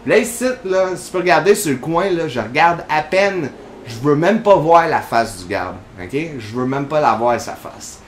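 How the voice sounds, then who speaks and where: A man's voice: fairly high pitch, animated, normal speed, roomy sound, slight background noise. Quebec French man chatting over gameplay. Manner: chatty, rambling, full of fillers. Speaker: gaming channel host. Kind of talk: casual gameplay commentary.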